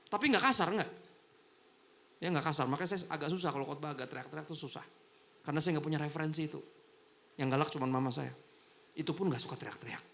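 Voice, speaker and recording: A man's voice: a little high, fast talker, long pauses, slight background noise. A man preaching a sermon as pastor, telling stories casually and acting out the voices of the people in them. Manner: chatty and animated, acts out quoted voices. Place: church service in a hotel ballroom.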